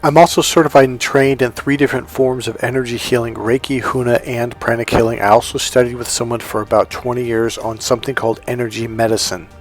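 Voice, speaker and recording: A man's voice: medium pitch, fairly even intonation, quick pace, few pauses, soft background music. A middle-aged American man telling personal stories casually, wandering off on tangents and speaking straight to the viewer. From California, United States. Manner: conversational, digressive, addresses viewer directly. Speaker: dating coach telling personal history. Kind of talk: casual autobiographical storytelling to viewers.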